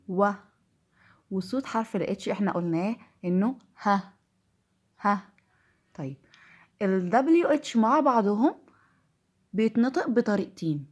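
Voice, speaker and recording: Egyptian-accented female English teacher, patient and repetitive, mid-pitched voice. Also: a little mellow. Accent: Egyptian Arabic. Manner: patient, repeats words slowly to drill them. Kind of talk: classroom-style lesson.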